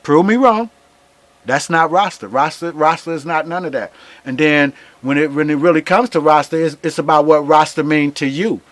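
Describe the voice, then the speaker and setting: A man's voice: fairly high pitch, steady tone, fairly quick, a bit bright, no room sound. A man speaking as an interview guest in informal, impassioned Rasta-style reasoning, repeating phrases emphatically like a preacher.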